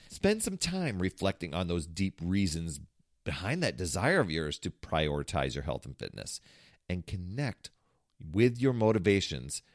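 Male podcast host, deep-ish, animated motivational coach delivery, dry booth sound. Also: no echo. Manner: energetic, pitchy, salesy sign-offs. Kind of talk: upbeat motivational podcast monologue.

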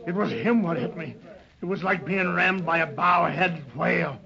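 Creaky, whining pirate henchman. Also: high-pitched, normal speed, a crowd in the background. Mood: pained, groaning. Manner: stammering, whining, nautical slang. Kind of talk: old-time radio adventure serial acting. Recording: dull lo-fi old radio recording.

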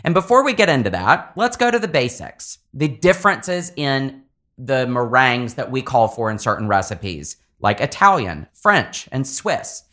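Southern guy hosting a baking podcast, bright voice, chatty and excited. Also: medium pitch, normal speed. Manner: enthusiastic, chatty. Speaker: podcast host. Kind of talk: casual podcast chat.

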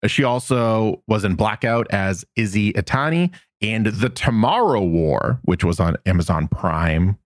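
A man co-hosting a podcast, chatting casually and recapping episodes with a relaxed, rambling manner. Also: on the low side, unhurried, few pauses, no room sound, clean studio sound. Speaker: podcast co-host.

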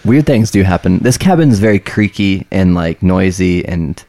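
A man's voice: sits low, expressive, normal speed, dark tone, no room sound. A man co-hosting a casual podcast in a wooden cabin, retelling stories informally and acting out bits of dialogue. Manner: informal, filler-heavy retelling with acted quotes. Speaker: podcast co-host. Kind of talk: casual storytelling.

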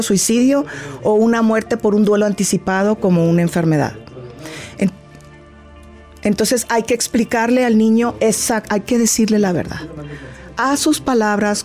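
A middle-aged woman, a grief therapist, explaining patiently and acting out little talks with a child. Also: a little high. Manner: warm, didactic, acts out little dialogues with a child. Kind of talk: explanatory interview talk.

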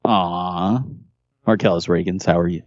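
A man's voice: low-pitched, fairly even intonation, measured pace, dry recording. A man hosting a casual podcast, upbeat and joking, with showy intros for his co-hosts. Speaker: podcast host. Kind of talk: casual chat. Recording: dull dry lo-fi mic.

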